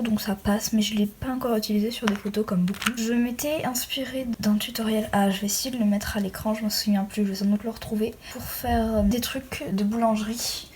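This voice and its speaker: A young woman with a somewhat high, slightly mellow voice casually shows off handmade doll accessories from her crafting hobby. She's chatty and self-deprecating throughout, and the home recording is noisy with clicks.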